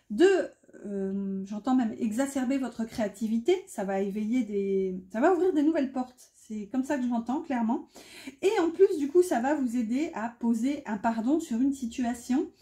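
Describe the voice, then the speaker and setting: A woman's voice: fairly high pitch, mellow. Chatty woman in an echoey room. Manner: chatty, self-mocking, many fillers. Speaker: tarot reader. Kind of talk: casual tarot reading.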